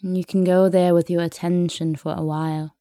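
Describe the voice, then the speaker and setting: A woman guiding a meditation in a soft, soothing, unhurried way, leaving long pauses between phrases. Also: on the low side, flat delivery, no echo, studio quality. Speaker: meditation guide. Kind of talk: guided meditation narration.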